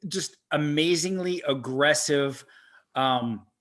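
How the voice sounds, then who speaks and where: A man co-hosting a casual movie-reaction podcast, excitable and swearing freely as he gushes over scenes. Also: a little high, slow. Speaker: podcast co-host.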